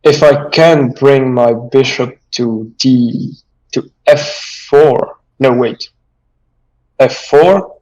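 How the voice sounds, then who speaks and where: Slow, hesitant man thinking aloud. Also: mid-range voice, darkish tone. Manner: hesitant, lots of fillers and self-corrections. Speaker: chess sparring partner. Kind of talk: casual chess chat. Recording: poor-quality microphone.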